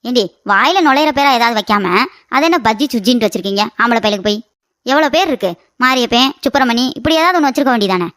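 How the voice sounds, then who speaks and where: A woman voicing a sharp-tongued older mother-in-law in an animated story, scolding in rapid bursts and grumbling about aching knees. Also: a little high, no echo, studio quality. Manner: rapid scolding, complains of knee pain.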